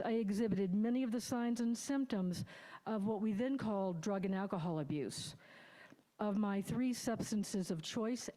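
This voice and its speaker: A woman about sixty speaks candidly and wryly in a sermon, reflecting on her personal recovery. Her warm, mid-range voice rings through the church sanctuary with long hall reverb.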